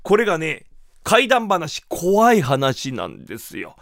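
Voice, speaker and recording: A man who is a rakugo performer hosting a radio show, telling comic stories in a lively way. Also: a little high, slow pace, vocal fry, no echo, clean studio sound. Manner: lively, animated, acts out quotes. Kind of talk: comic storytelling talk.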